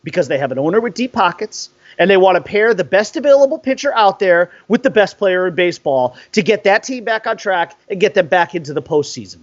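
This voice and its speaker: Fired-up, high-voiced man ranting about sports. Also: lively intonation, brisk, hardly any pauses, dry recording. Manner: fired-up, exasperated, profane rant. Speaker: sports podcast host. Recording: dry, dull lo-fi sound.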